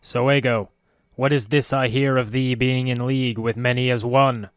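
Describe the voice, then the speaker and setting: A man playing a stern skeletal old high priest who speaks in formal, old-fashioned English. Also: steady tone, normal speed, clean tone, no room sound, clean studio sound, lightly acted. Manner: archaic, formal speech.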